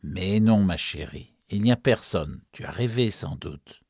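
A woman's voice: extremely low pitch, wildly swooping pitch, takes it slowly, no echo, studio quality, heavily acted. A woman reading a story, putting on the voice of a meek, hesitant husband who tries to placate his wife. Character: meek timid husband, middle-aged man.

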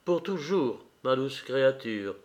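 A male reader voicing a young nobleman in love, earnest and moved, in a slowly read audiobook. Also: medium pitch, animated, natural voice. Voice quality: emotional, earnest. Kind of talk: audiobook character reading.

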